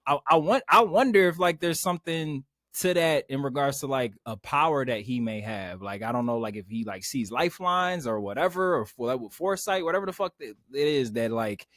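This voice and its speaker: A man co-hosting a laid-back anime podcast, talking fast and loose in slang. He often breaks into higher, louder voices to act out characters' lines. The sound is dry and close, with a mid pitch for a man. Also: no room sound. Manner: animated, slangy, quotes characters in raised voices. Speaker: podcast co-host. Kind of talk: casual anime discussion.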